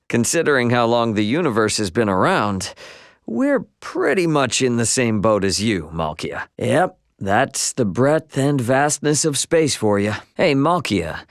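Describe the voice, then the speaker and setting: Voicing a cocky but good-natured young spacefarer for a video game, this man delivers his lines loosely, with lots of expression and slang. His pitch sits in the middle, and the studio-quality recording has no echo.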